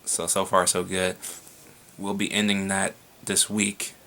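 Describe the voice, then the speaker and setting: A man's voice: low voice, flat delivery, unhurried, vocal fry, sharp tone. A young man answering viewer questions in a casual vlog, rambling with frequent swearing and laughs.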